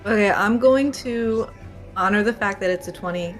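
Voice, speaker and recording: A woman's voice: medium pitch, moderate pace, faint music behind. A woman player in a tabletop game, talking through her moves with hesitant fillers. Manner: hesitant, thinks aloud.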